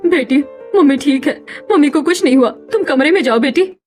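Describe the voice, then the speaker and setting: A woman's voice: high voice, a little fast, faint music behind, close to an everyday voice. A woman voicing a meek, pleading young wife. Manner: pleading, gentle. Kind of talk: cartoon story voice acting.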